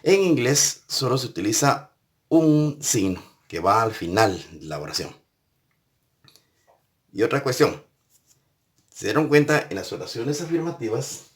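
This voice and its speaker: A man teaching an English grammar lesson, patiently repeating and spelling out each step. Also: mid-range voice. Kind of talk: recorded classroom lesson.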